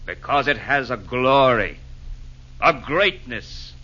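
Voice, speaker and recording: An actor playing a calm, genial Santa Claus who chides gently in rhyming verse in a 1940s radio play. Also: male voice, medium pitch, takes it slowly, heavily acted. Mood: earnest. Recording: dull lo-fi 1940s radio recording.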